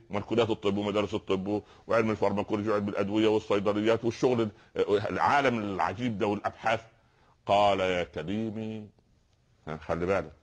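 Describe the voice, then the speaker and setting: A man with an Egyptian accent preaching a sermon, telling stories and posing rhetorical questions to his listeners. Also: lowish voice. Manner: fast, animated storytelling preacher with rhetorical questions.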